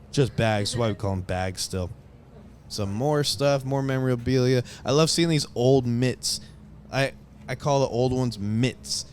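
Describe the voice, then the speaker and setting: An excited young man talks through his tour footage in a loose, rambling vlog style, full of fillers and restarts. His voice sits at an ordinary middle pitch. Loud city ambience and passing traffic run underneath. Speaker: vlogger giving a stadium tour. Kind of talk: casual voice-over narration.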